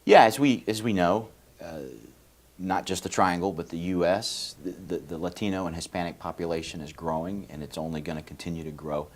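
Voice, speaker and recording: Deep male lawyer from Venezuela, folksy explainer. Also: fairly even intonation, a little fast. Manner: explanatory, folksy, with many fillers and restarts. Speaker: lawyer, guest. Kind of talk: interview answers. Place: TV studio.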